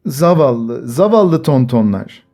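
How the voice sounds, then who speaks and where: A man voicing a fussy, tearful young woman in a storybook reading, high and pleading. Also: expressive, normal speed, a little mellow, natural voice. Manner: shrill and pleading.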